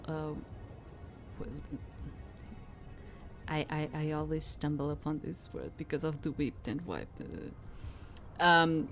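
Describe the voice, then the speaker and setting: A woman with a low-sitting voice streams a game, reading visual novel narration aloud in a measured, dramatic way and adding casual asides. Soft game music plays in the background.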